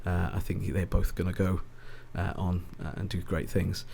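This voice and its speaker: A man's voice: deep voice, flat delivery, moderate pace, gravelly, darkish tone, slight background noise. A man with a South Wales Valleys accent chatting casually in an interview, rambling and correcting himself as he goes. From Ebbw Vale, South Wales. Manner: hesitant, rambling, self-correcting. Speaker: boxing ring announcer, podcast guest.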